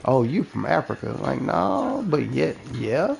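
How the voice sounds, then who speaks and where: A man's voice: medium pitch, a little slow, gravelly. A man in casual, profane storytelling chat who acts out the people in his stories as he talks. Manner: profane, animated, acts out quoted dialogue.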